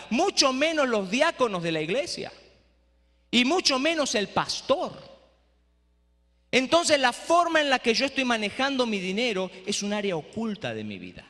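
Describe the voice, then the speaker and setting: A man lecturing pastors in a preaching style, lively and rhetorical, often asking the audience "eh?". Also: high-pitched. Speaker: speaker at a training for pastors. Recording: echoey hall.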